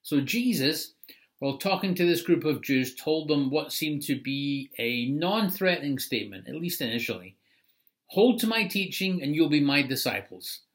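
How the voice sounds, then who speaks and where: A man's voice: on the high side, animated, normal speed. Conversational man preaching a sermon. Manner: explanatory, conversational preaching with asides. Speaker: pastor.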